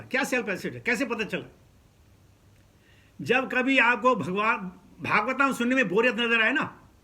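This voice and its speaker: A man preaches to a seated audience, his voice high and bright. He talks casually, tosses questions to the room and mixes English phrases into his Hindi. It sounds like a teacher chatting through a scripture class. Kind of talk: sermon.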